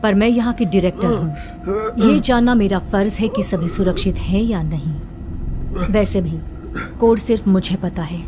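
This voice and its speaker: A woman's voice: medium pitch, measured pace, noisy background, natural voice. Woman voicing a firm park director. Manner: composed, authoritative, explaining. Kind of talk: Hindi cartoon dub. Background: music.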